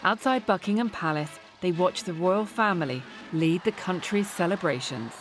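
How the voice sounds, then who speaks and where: A woman delivers a scripted news report. Her voice sits a little low, and she speaks in a composed, measured way, like a correspondent reading a prepared piece. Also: lively intonation, faint music behind. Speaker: royal correspondent.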